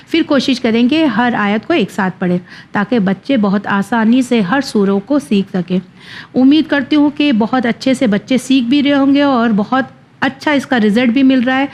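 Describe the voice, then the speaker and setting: A woman teaching children to read the Quran. She spells out each syllable slowly, then explains quickly. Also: on the high side, a little mellow. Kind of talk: children's Quran reading lesson.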